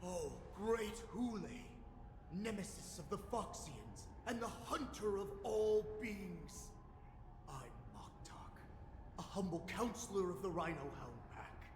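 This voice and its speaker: An actor playing a deferential, scheming counselor of a beast pack in a game, speaking in formal, measured, grand phrases. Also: male voice, high voice, animated, noisy background. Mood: reverent. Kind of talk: dramatic game cutscene acting. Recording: echoey reverb under game music.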